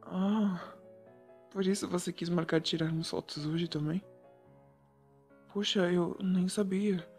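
A man's voice: high voice, fairly even intonation, takes it slowly, pauses often, soft background music. A man playing a shy, sweet young photographer. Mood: gentle. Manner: soft, gentle and bashful, addressing the listener. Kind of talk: whispered role-play.

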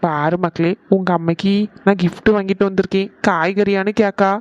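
A performer voicing an easygoing father who speaks gently to his wife and daughters. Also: mid-range voice, level tone, a little fast, dull audio, a little hiss or hum, lightly acted. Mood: calm.

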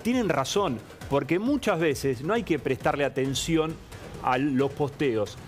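A man's voice: a little high, lively intonation, unhurried, soft background music. A man on a TV sports panel, arguing his point and repeating himself. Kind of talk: TV panel discussion. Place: TV studio.

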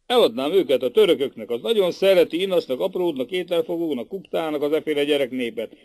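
A man doing a gruff greedy castle captain. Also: a little high, expressive, darkish tone, no room sound, pitched above the performer's own voice. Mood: scheming. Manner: gruff, blunt.

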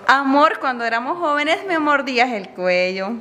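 A woman's voice: high-pitched, big pitch swings, normal speed, sharp tone, full character voice. A woman doing a plaintive old wife. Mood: wistful complaint. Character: elderly wife, nagging and nostalgic. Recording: noisy homemade video.

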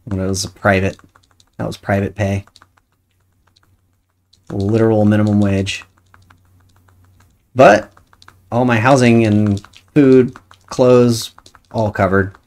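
A woman's voice: extremely low pitch, steady tone, slow pace, pauses often, a little mellow. A woman streaming a video game, chatting casually and thinking aloud as she plays. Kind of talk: casual chat while playing a game.

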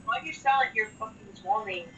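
A woman's voice: on the high side, fast talker, fairly bright tone, recorded from a distance, slight background noise, low-quality recording. A woman playing a co-op video game, blunt and exasperated, swearing often. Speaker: co-op game player. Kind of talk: casual gameplay chat.

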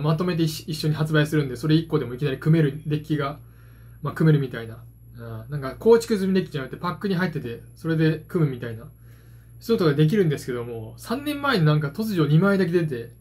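Casual solo vlogger, man in his 40s, husky and slightly high-voiced, self-deprecating ramble. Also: a little mellow. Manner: self-deprecating, hesitant asides. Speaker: vlogger, card game hobbyist. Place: small dim room at home, indoors. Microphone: phone propped at arm's length.

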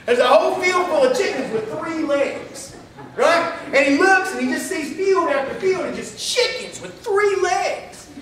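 High-voiced pastor in an echoing hall. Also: male voice, measured pace, fairly bright tone. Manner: conversational, with frequent "right?" and "here's the thing". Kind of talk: sermon. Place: church. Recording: echoey hall, distant mic.

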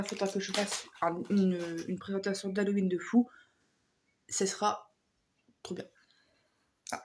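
A woman vlogger with a hoarse voice chatting casually through a shopping haul, hesitant and full of fillers. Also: medium pitch, noisy background.

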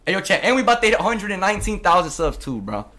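A man's voice: sits high, very animated, rapid-fire, pushed and bright. A young man livestreaming casually, talking in hyped frat-bro slang to his chat. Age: teens to young adult. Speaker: live streamer. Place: bedroom at home, indoors.

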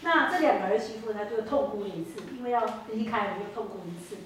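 This preacher, a woman with a Taiwanese Mandarin accent, speaks quickly in a mid-range voice with slight background noise. Retelling a Bible story in a church hall, she poses many rhetorical questions and hesitantly corrects herself; the mic is distant and the hall echoes.

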